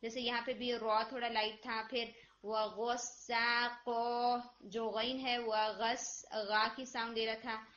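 A woman gives patient tajweed corrections on an online call, modelling the recited words slowly. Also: fairly high pitch, little pitch movement, a bit bright. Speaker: Quran recitation teacher. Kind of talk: online tajweed feedback lesson. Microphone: video call. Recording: dull lo-fi call audio.

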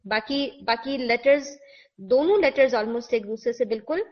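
A woman teacher, giving a recorded pronunciation lesson, patiently demonstrating sounds and repeating examples slowly. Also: a little high. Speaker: tajweed teacher. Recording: dull lo-fi recording.

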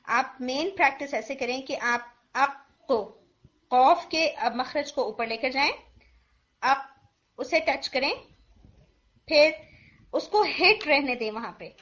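High-voiced woman teaching pronunciation patiently. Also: fairly bright tone. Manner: patient, demonstrates sounds slowly and repeats them. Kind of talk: explanatory lesson mixing Urdu and English. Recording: dull lo-fi recording.

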